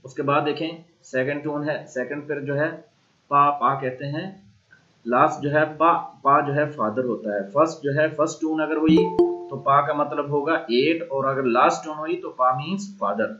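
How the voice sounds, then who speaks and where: A man with a Pakistani accent teaching an online language class, slowly drilling and repeating sounds. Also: a little high, pushed and bright, lo-fi sound, faint music behind. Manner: slow repeated drilling of tones.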